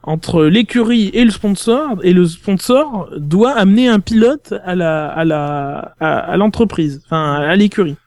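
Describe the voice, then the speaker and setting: A man with a high speaking voice talks through his point in a casual podcast chat, often stalling on repeated words. The recording is close and dry. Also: animated, measured pace, hardly any pauses, a little mellow, no room sound. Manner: explanatory, repeats words while thinking. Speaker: podcast co-host.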